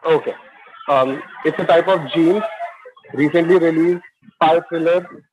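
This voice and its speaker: A man on a video call with a bad, dropping connection, talking loudly and asking whether he can be heard. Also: on the high side, unhurried, breathy edge, rough recording. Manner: loud, checking if he can be heard. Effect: breaking up over a bad video-call connection. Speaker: game player. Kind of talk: casual chat on a video call. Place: college.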